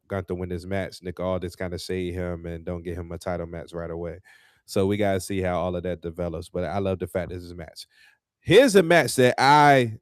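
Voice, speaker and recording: A man with a fairly low voice talks through a casual podcast chat, loose and full of slang, with bursts of heated ranting. His voice sits close and dry on the mic, with no room sound around it. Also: smooth, no room sound. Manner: animated, heated when ranting, lots of fillers and slang. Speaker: podcast co-host.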